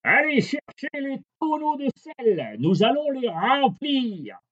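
A greedy, hot-tempered sea captain, as a male storyteller puts him on, barking orders in a shrill, strained high voice. The pitch swings widely, and the recording is dull and lo-fi. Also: very animated, slow pace, a bit bright, full character voice. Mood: commanding.

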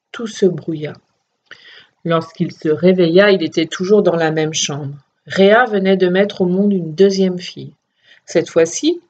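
A woman narrates a children's myth story with a steady, expressive reading voice. Her tone is husky and fairly low. The recording sounds dull and lo-fi.

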